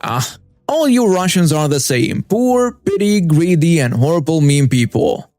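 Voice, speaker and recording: Guy reading as snotty entitled mother, insulting and shrill, dry close voice with faint music behind. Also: sing-song, measured pace, a little mellow, no echo. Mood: scornful. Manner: scornful, insulting. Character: rude entitled middle-aged mother, shrill and hostile.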